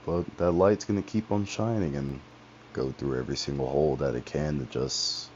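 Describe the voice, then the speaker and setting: A man's voice: very deep voice, normal speed, darkish tone. A young man streamer telling a personal story on a headset, rambling and profane with lots of asides. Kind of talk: casual personal storytelling on a livestream. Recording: dull lo-fi headset audio with faint hiss.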